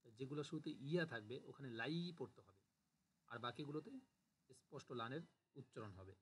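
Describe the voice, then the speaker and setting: A man's voice: medium pitch, lively intonation, brisk, slight background noise. A man teaching a grammar class, patiently explaining and repeating word forms aloud for students to drill. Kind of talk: online class lecture.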